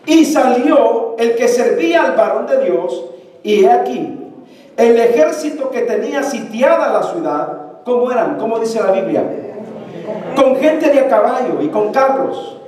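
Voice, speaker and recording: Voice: mid-range voice, expressive, unhurried, a little mellow. A preacher retelling a scripture story in a sermon, often turning to the congregation with questions. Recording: echoey church hall from far off.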